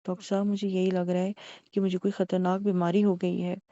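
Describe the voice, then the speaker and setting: A woman's voice: on the low side, level tone, a little fast, dark tone, no room sound, lo-fi sound, lightly acted. A woman playing a worried housewife patient who gives polite, deferential short answers to a doctor. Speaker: simulated patient.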